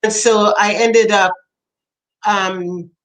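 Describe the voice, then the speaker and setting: An older woman from Trinidad, a poet being interviewed, telling family stories with lively quoted voices. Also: medium pitch, drawn-out words, rough recording. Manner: animated storyteller, acts out quoted voices, laughs often. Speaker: poet and author, interview guest. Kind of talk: storytelling in conversation.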